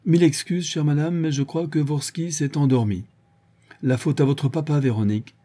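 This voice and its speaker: A sneering, half-drunk villain, jovial and cruel by turns, as a male narrator puts him on. The voice is pitched well above the reader's own, with a husky, dark grain. It sounds like a character in a read-aloud novel. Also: steady tone, moderate pace, natural voice. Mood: mocking tipsy. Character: drunk mocking villain, middle-aged man, cruel. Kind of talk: audiobook character voice.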